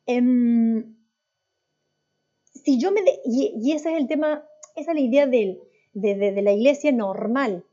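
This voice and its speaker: A woman's voice: fairly high pitch, measured pace, long pauses, mellow. A woman teaching a church class in a conversational way, putting questions to her students and often restarting her sentences. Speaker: worship and voice teacher. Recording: dull lo-fi recording.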